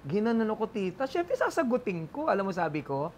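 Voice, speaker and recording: Filipino-accented male comedian guest, chatty and animated, light background noise. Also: sits high, brisk. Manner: animated joke-telling, mixes English into Filipino, laughs often. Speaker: lawyer and stand-up comedian guest. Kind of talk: casual interview storytelling.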